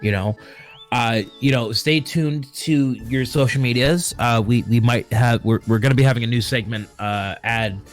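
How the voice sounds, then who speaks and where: A man hosts a casual stream as a tabletop game master, making announcements in a rambling, joking manner that keeps interrupting itself. His medium-pitched voice moves at a normal speed over soft background music.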